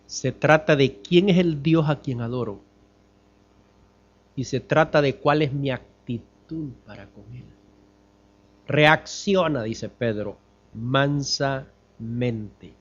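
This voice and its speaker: A man preaching a sermon as pastor, asking the congregation questions and swinging from loud emphatic lines to hushed ones. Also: medium pitch, takes it slowly, long pauses, highs cut off. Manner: addresses the congregation as brothers.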